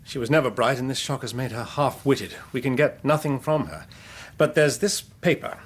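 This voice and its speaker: An actor plays a young male police inspector in a radio drama. His voice is mid-pitched. He is eager, deferential and methodical, giving his reports with polite respect. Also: animated, moderate pace, natural voice. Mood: earnest reporting.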